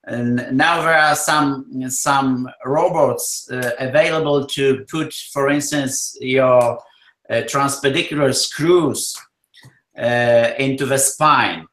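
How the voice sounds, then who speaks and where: Male expert interviewee, Polish accent, mid pitch, halting and repetitive, roomy echoing sound. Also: steady tone, fairly bright tone. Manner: halting, searching for words, repeating phrases. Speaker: neurosurgeon, interviewee.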